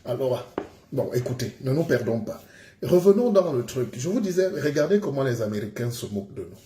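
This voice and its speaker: A man's voice: medium pitch, big pitch swings, fairly quick, mellow, a little hiss or hum. A man hosting a live stream, delivering rambling, joking rants in a casual monologue. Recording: roomy echo.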